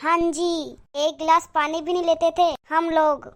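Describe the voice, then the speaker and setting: A woman's voice: very high-pitched, flat delivery, a little slow. A woman voicing a rich, boastful city daughter-in-law in a cartoon moral story, haughty and mocking.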